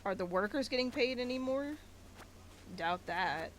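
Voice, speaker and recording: In a slightly high, expressive voice at a measured pace, a woman rambles and rants while streaming a game, leaning heavily on filler words like "like." A little hiss or hum sits under the casual commentary.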